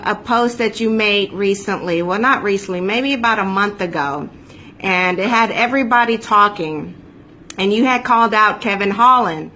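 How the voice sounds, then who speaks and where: A chatty woman hosts a casual live interview, her voice bright and fairly high. She talks in an upbeat way with plenty of filler ums. A faint hiss of noise sits under the recording. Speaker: host.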